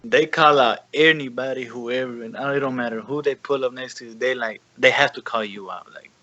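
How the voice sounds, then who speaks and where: A man's voice: medium pitch, normal speed, bright, forceful tone, highs cut off. A young man in casual chat, self-deprecating, swearing freely and stammering.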